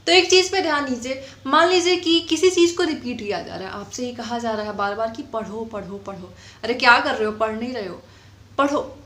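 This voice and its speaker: A woman's voice: on the high side, a bit bright, reverberant. A woman teaching an English grammar lesson, explaining patiently and often checking whether her students have understood. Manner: explains patiently, asks frequent check questions; dictates definitions slowly. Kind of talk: classroom-style grammar lesson.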